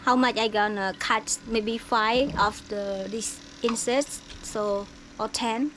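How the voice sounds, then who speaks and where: A woman's voice: a little high, fairly even intonation, takes it slowly, a bit bright, a little hiss or hum, low-quality recording. A young woman from Cambodia with a Khmer accent, speaking simple broken English as she chats casually to her viewers in a cooking vlog. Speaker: village life vlogger.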